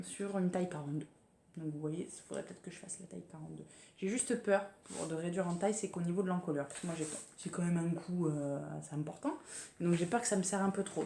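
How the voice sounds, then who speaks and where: A woman's voice: fairly low pitch, vocal fry, warm tone, a little hiss or hum. A French woman talking casually about her sewing projects, hesitant and full of fillers. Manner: chatty, hesitant, many fillers and restarts. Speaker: sewing vlogger. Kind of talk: casual sewing podcast chat. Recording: echoey room with faint ambience.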